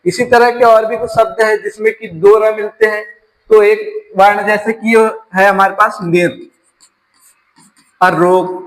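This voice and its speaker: A man's voice: high voice, fairly even intonation, unhurried, pauses often, a bit bright, poor audio. A man from teaching an exam-prep grammar lesson, explaining step by step and asking his class rhetorical questions.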